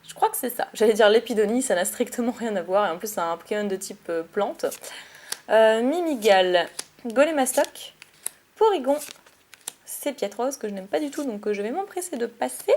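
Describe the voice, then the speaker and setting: A woman chatting excitedly while opening trading card packs, giggly and quick to correct herself. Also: on the high side. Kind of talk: casual card-opening vlog.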